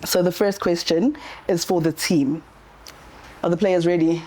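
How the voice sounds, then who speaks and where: A woman's voice: on the low side, fairly even intonation, measured pace, mellow, a little hiss or hum. A South African woman co-hosting a podcast conversation, guiding it in an upbeat way. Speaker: podcast co-host.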